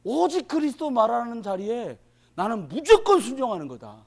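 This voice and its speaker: A man in his fifties preaching a sermon, swinging from loud declarations to muttered asides as he acts out little scenes. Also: very high voice, very animated, normal speed, vocal fry. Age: 50s. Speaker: pastor.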